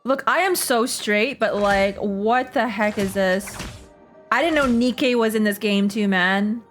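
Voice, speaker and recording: A woman streamer with a mid-range voice and a measured pace reacts to a game she's playing, casual and slangy and jokey, often repeating herself. Faint game music plays behind her.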